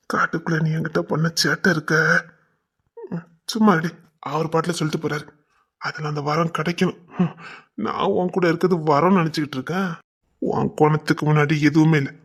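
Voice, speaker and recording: A man playing a husky young village lover. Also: a little high, fairly bright tone. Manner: rough, protective, teasing. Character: protective young village man, affectionate and hot-tempered. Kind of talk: web series drama acting.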